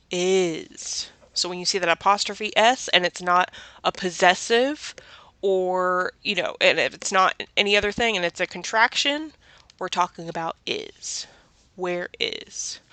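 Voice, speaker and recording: A woman with a Southern US accent leads a children's reading lesson, patiently posing questions and then answering them herself. Her voice is fairly low with a sharp tone, and the recording is dry.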